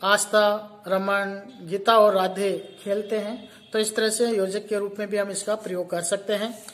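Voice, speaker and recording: A woman teacher giving a grammar lesson to young schoolchildren, explaining slowly and repeating each point. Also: medium pitch, little pitch movement, a little hiss or hum. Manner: explains slowly, repeats words and reads out example sentences.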